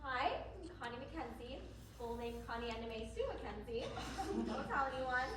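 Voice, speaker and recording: Brief: woman as a bubbly young dancer; high voice, far-off echoey stage. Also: lively intonation, normal speed, close to an everyday voice. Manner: bubbly and giggly. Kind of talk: live stage musical acting. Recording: distant echoey stage recording with hall noise.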